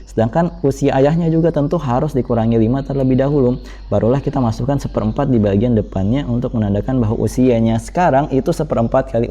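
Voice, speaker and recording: A male tutor explains math problems quickly, and his dark, mellow voice rarely lifts in brightness. The recording sounds dull and lo-fi, like a cheap screen-capture mic. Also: medium pitch. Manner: brisk, repeats fillers.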